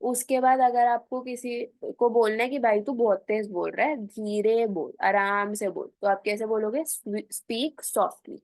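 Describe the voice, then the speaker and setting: A woman teaching a spoken English lesson, mixing colloquial Hindi explanations with slow, deliberate English example phrases. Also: fairly high pitch, steady tone, dry recording.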